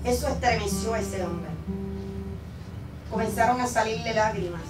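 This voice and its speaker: A woman pastor, telling a story in a sermon and building to loud, fervent exhortation. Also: a little high, moderate pace. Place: church sanctuary. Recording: echoey church room, mic at a distance, guitar behind.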